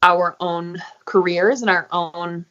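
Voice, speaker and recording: A woman, a guest in an interview, talking casually and filling pauses with "um" and "you know.". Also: lowish voice, fairly even intonation, bright, forceful tone. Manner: friendly, many fillers like um and you know. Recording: muffled, lo-fi audio.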